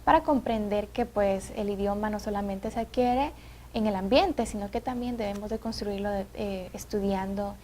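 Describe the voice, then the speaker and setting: A woman's voice: medium pitch, normal speed, mellow, slight background noise. A woman hosting an educational TV program, attentive and leading each segment. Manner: attentive, frequent "ujú" backchannels, guides segments. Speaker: TV program host. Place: TV studio.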